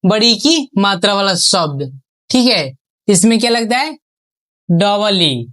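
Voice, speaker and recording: A woman teacher giving an online spelling lesson. She asks questions and answers them herself, stretches out each syllable and drops her pitch on each finished word. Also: lively intonation, slow, a bit bright.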